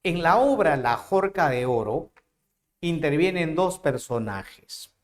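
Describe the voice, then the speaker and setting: A man teaching literature by acting out old legends. He talks slowly and theatrically and keeps turning to the listener with questions. The sound bounces around an echoey room. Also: a little high, very animated. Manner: theatrical, with rhetorical questions to the student. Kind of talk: dramatized storytelling lesson.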